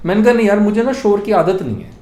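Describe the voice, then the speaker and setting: A man's voice: high voice, quick pace, roomy sound, crowd noise. A man teaching an English grammar lesson in a classroom, telling jokey stories and asking students to repeat after him. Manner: animated, jokey storytelling with student call-and-response.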